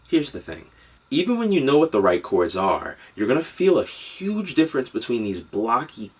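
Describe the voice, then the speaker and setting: Low-voiced man teaching piano harmony. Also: breathy edge, distant mic. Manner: upbeat, direct instructional delivery. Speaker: music teacher. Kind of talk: online piano harmony lesson.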